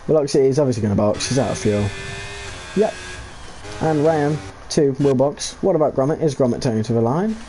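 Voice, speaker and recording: A man giving live commentary on a sim racing league race, excitable and jokey, with rambling asides between the action. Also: medium pitch, a little fast, slight background noise.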